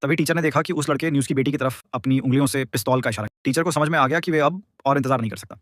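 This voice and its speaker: A man narrating a dramatic story in a rapid, tense scripted style. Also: medium pitch, dry recording, studio quality.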